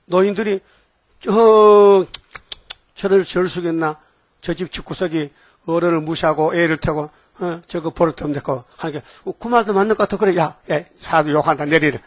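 A man's voice: a little high, normal speed, no echo. An older man preaching a folksy sermon, telling homely stories and often asking the congregation "eh?" for agreement.

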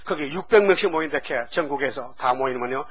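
A man's voice: medium pitch, quick pace, a bit bright, breathy edge. A male preacher giving a jokey, folksy sermon and having the congregation repeat after him. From Gyeongsang region of Korea. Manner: breaks into sung hymn lines.

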